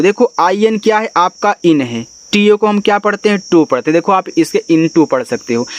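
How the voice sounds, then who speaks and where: Man, English teacher, spells words letter by letter, patient explaining, fairly high voice, faint crickets behind. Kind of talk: spoken language lesson.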